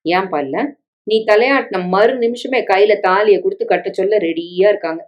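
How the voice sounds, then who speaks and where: A woman's voice: medium pitch, normal speed, highs cut off, lightly acted. A woman voicing a scheming middle-aged stepmother who coaxes, pleads and guilt-trips, in a story reading with dialogue. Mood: persuasive. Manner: coaxing, pleading, guilt-tripping.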